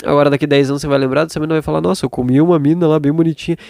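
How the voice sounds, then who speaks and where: Brazilian male podcaster, fairly high voice, sick and stuffed up, loose sweary monologue with acted-out imagined replies, dry close sound. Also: fairly even intonation, rapid-fire, creaky, a little mellow, dry recording. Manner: blunt, self-doubting, swears often; acts out imagined dialogue mid-monologue. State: sick with sore throat and congested nose. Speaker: solo podcast host. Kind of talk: casual rambling monologue, answering a listener.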